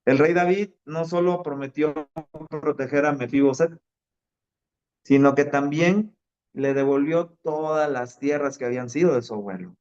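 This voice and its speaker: A man's voice: a little high, normal speed, a little mellow, dull audio. A man preaching a sermon, telling stories in a conversational way and dropping fillers. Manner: conversational storytelling with fillers like "este".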